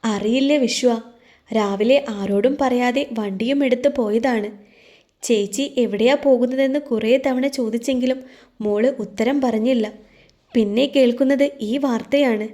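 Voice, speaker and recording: A woman's voice: a little high, warm tone, lightly acted. A woman voicing a shaken middle-aged uncle whose voice falters, in an audio story. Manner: halting, choked.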